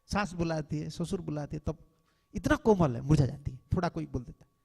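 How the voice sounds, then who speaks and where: A man, a swami, lectures devotees in a temple with an earnest, admonishing tone, slipping English words into his talk. His voice sits somewhat high for a man. The hall adds a long, lingering reverb. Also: fairly quick, vocal fry, darkish tone, husky.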